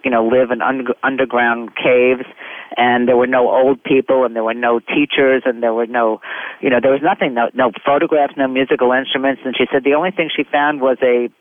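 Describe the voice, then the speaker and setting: A man's voice: mid-range voice, dry recording. A man telling stories earnestly in an interview and reading letters aloud. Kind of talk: interview storytelling. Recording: tinny phone line, dry.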